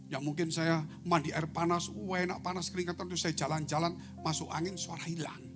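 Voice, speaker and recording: A male pastor preaching a sermon, telling a personal story, who swings between loud exclamations and soft, hushed asides and keeps addressing his listeners as brothers and sisters. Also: fairly high pitch, little pitch movement, brisk. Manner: storytelling, addresses congregation as saudara. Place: church service, online broadcast. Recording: music playing behind the voice.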